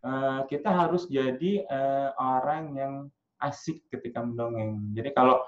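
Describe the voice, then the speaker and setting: Man, storytelling coach, casual workshop talk, lively, filler sounds, slightly dull roomy recording. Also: mid-range voice, a little slow.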